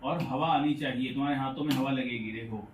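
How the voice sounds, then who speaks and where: A man teaching English pronunciation to a class, patiently repeating sounds slowly to demonstrate them. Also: mid-range voice. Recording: echoey room, mic far off, faint noise.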